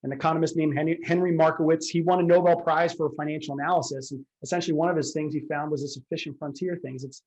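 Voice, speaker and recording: A man's voice: on the high side, steady tone, fast, hardly any pauses, darkish tone, low-quality recording. A man working as a retirement advisor, explaining a lecture slide by slide in a conversational way, full of fillers and rhetorical questions.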